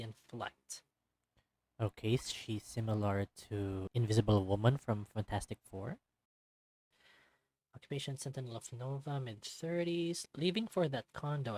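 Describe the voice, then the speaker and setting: A man's voice: medium pitch, darkish tone, rough recording. A man hosting a let's-play, reading a visual novel aloud and chatting casually about what he reads. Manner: chatty and easygoing, reading profile cards aloud with asides. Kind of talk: casual visual novel read-through with commentary.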